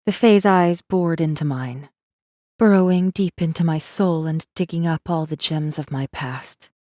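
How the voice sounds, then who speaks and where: A woman voices a guarded rebel messenger telling her own story in a dramatic first-person audiobook, her voice deep and dark. The delivery is tense, measured and haunted, recorded very dry and close with no room sound.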